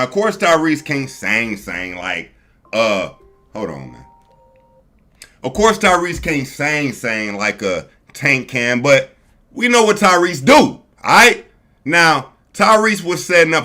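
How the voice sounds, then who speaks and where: A male streamer talks over a clip he's watching, loose and slangy, calling his viewers family. His voice is bright and forward at a middling pitch. He is recorded on a streaming mic. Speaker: streamer host. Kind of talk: casual live-stream commentary reacting to a video.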